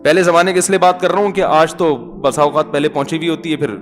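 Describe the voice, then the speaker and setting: A middle-aged male preacher tells funny stories in a relaxed, chatty way, often calling his listeners brother. His voice sits a little high for a man. Soft music plays faintly behind him. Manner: chatty, humorous anecdotes, addresses listeners as brother. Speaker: Islamic scholar and preacher. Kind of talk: storytelling religious talk.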